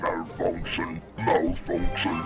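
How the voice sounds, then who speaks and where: Glitching robot, male, deep and stuttery, repeats words like a broken machine, put on by a podcast co-host. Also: little pitch movement, slow pace, husky, soft background music, heavily acted.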